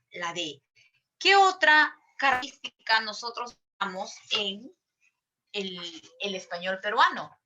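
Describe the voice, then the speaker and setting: Bright Peruvian woman teaching a class. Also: mid-range voice. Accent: Peruvian Spanish. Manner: asks the class questions and repeats herself often. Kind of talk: classroom lecture.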